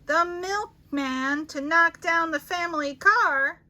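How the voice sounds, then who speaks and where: Reading children's picture books aloud, a female storyteller performs with theatrical expression, dramatic pauses and emphasis, in an extremely high-pitched voice.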